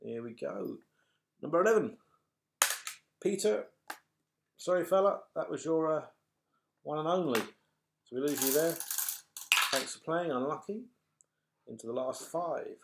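A man's voice: fairly high pitch, expressive, unhurried, gravelly, pauses often. A middle-aged British man calling raffle balls like a bingo caller, chatty, matey and apologetic to the players. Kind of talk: bingo caller announcing numbers and names to players. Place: small furnished room at home, indoors. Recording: noisy home webcam recording with clatter.

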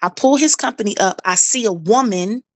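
A woman's voice: medium pitch, moderate pace, no echo. A middle-aged woman tells her own story in casual chat. She talks animatedly, acting out quoted dialogue and repeating phrases for emphasis. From South Carolina, US.

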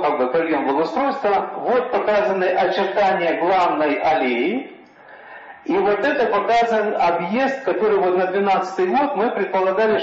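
A man presenting project slides at a council meeting as an architect, in a halting, explanatory way. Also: high voice. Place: meeting room, recorded on a dictaphone. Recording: very echoey, muffled dictaphone recording.

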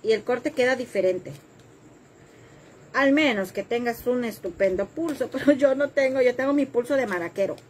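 A woman's voice: fairly high pitch, moderate pace, slight background noise. A woman hosting a live craft tutorial, chatting with viewers and joking about herself while she cuts. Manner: chatty and self-deprecating, reads viewer comments while working.

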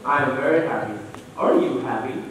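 A man playing an automated pay phone voice, talking in choppy spliced-together recorded prompts whose words jump in pitch. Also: moderate pace, a bit bright. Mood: mocking. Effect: choppy spliced-together recorded prompts, words jumping in pitch. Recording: echoey hall, voice from far off, faint hiss.

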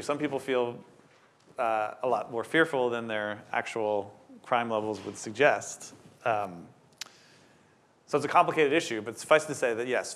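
A man's voice: medium pitch, fairly bright tone. Middle-aged guy on a panel answering questions, goes point by point, lecture hall. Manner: engaged, explains in ordered points. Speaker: panel speaker, researcher. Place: lecture hall, standing at front.

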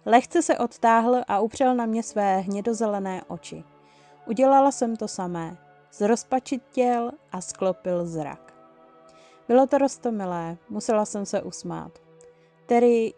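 A young woman reading fan fiction aloud as a first-person bedtime story, expressive. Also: mid-range voice. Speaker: channel host, fan fiction reader. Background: faint background music.

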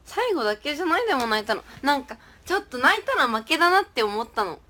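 Young woman, casual livestream chat, giggly, fairly high voice. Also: very animated, quick pace, pushed and bright. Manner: chatty, giggly, reads and answers viewer comments. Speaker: idol livestreamer.

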